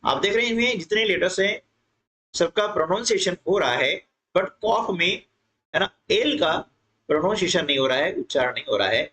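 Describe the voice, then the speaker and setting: Male tutor, lively pitch, slow English readings then quick explanations. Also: low-quality recording. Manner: repeats filler tag questions to students. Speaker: teacher. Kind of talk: explaining an English textbook lesson in Hindi.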